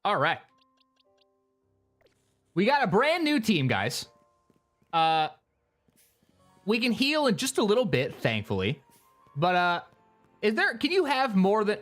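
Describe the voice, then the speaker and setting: Chatty livestreamer with a lively voice. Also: mid-range voice, a little slow, long pauses, faint music behind. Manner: chatty and rambling, talks to chat. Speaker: live streamer. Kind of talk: live gameplay commentary.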